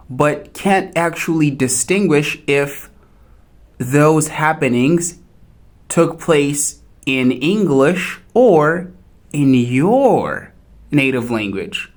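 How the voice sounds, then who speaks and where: A native Portuguese speaker teaches an English lesson to learners, speaking slowly and deliberately. Her pitch rises and falls expressively, and she addresses the viewer directly with each point.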